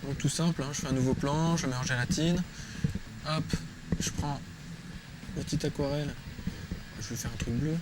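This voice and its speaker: In a very noisy recording with loud music playing behind him, a drawing tutorial presenter talks informally and improvises, thinking out loud while he works. His voice sits at medium pitch at normal speed, broken up by long pauses.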